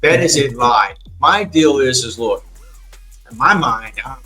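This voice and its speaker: A man's voice: mid-range voice, lively intonation, measured pace, sharp tone, soft background music. Earnest man in his fifties, echoey room. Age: 50s. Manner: earnest, rambling with many restarts. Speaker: podcast host. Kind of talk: casual conversation.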